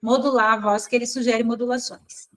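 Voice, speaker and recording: A woman's voice: on the high side, fairly even intonation, brisk, a bit bright, poor audio. A woman teaching a live online class over a video call, talking informally and correcting herself as she thinks aloud.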